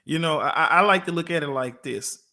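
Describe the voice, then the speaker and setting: A man co-hosting a motivational talk show, telling everyday stories and acting out quotes with lively energy. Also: a little high, brisk. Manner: storytelling with lively acted-out quotes. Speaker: co-host.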